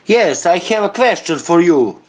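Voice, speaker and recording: A man speaks slowly in a slightly raised voice. He pauses often to search for words and laughs softly between phrases, as a caller in a casual chat. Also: high voice, big pitch swings, noisy background. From Serbia. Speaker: guest caller. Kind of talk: casual chat on a live audio room.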